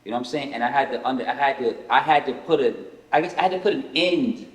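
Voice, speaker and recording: A man in his thirties, mid-pitched, speaking in a candid, reflective way as he tells a story. The recording has an echoey room with a long reverb. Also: fast talker. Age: 30s. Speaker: podcast host. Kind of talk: casual podcast conversation.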